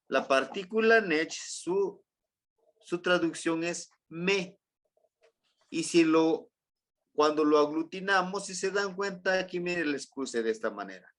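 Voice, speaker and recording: Slow, patient Mexican teacher, man. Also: on the high side, fairly bright tone. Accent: Mexican Spanish. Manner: patient, repeats words and checks in with "¿se acuerdan?". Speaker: Nahuatl language teacher. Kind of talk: classroom lesson.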